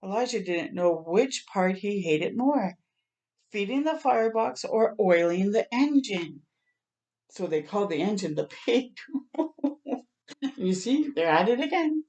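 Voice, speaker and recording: A woman storyteller with a medium-pitched voice reads a picture book to children, unhurried and pausing often, on a muffled recording. She is expressive, acting out sound words and exclamations and making asides to her listeners.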